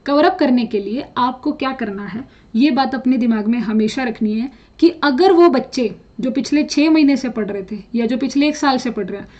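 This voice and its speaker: A woman with a high voice lectures students on exam preparation, blunt and direct, now and then switching into English phrases. The recording sounds dull and lo-fi. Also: darkish tone. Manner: direct, scolding, mixes English phrases into speech. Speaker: chemistry teacher.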